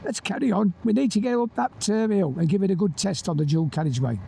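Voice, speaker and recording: A man's voice: sits high, quick pace, vocal fry, warm tone. A British man gives a chatty, colloquial running commentary while riding outdoors, speaking into a motorbike helmet intercom microphone. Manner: chatty, colloquial British turns of phrase with tag questions. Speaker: motorcycle review vlogger and presenter. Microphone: microphone inside a motorbike helmet. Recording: helmet mic with engine and wind noise. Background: faint vehicle and wind noise.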